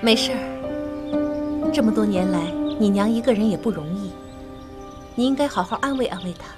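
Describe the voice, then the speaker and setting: An actress playing a blunt, hot-tempered young widow in a period TV drama, with music behind. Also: female voice, fairly high pitch, expressive, moderate pace, close to an everyday voice. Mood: gentle. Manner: blunt, combative. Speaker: widow landowner. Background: drama score music.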